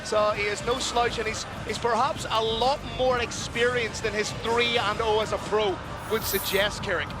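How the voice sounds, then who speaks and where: A man's voice: sits high, fairly even intonation, moderate pace, hardly any pauses. A man commentating a fight broadcast, reading out fighter records in a polished broadcaster's manner. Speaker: play-by-play commentator. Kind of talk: sports commentary. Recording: music under the voice.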